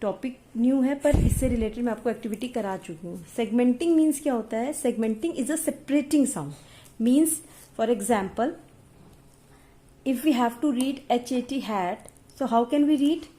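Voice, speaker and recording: A woman's voice: on the high side, slow, warm tone. A young Indian woman teaching a phonics lesson in English and Hindi, sounding out letters one by one.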